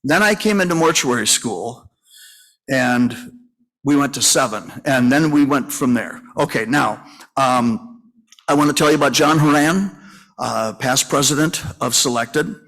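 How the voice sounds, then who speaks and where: Guy in his 60s giving a breakout session talk, mid pitch, folksy and rambly, lots of uhs and restarts. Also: measured pace, fairly bright tone. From Minnesota, US. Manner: folksy, rambling storytelling with many fillers and restarts. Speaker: funeral home owner and conference speaker. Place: conference session room.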